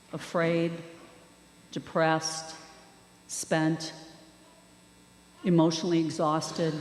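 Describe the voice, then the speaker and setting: A woman preaching a sermon in a church, speaking with slow, measured delivery and dramatic pauses. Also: low-pitched, darkish tone. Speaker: lay preacher and youth worker. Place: church sanctuary. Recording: echoey church hall.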